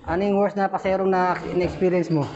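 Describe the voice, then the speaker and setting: A man's voice: high-pitched, level tone, highs cut off, crowd noise. Teasing man quizzing police applicants. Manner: teasing, quick questions. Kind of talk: casual street interview.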